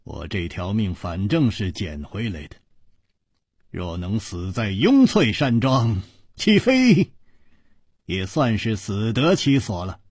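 A man voicing a calm, unflappable male hero in a storytelling reading, speaking low and quietly. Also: slow, long pauses, husky, no echo, studio quality, exaggerated voice. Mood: resigned.

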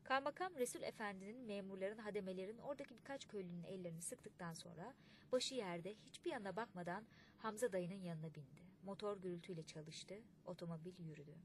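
A woman reading a literary audiobook in a measured, expressive way. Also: medium pitch, slight background noise. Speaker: audiobook narrator.

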